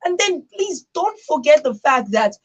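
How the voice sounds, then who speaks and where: Hosting a radio discussion, this woman has a high-pitched voice with big swings in pitch and a moderate pace. She makes her case emphatically, repeats phrases for stress, and keeps asking "right?" to check agreement.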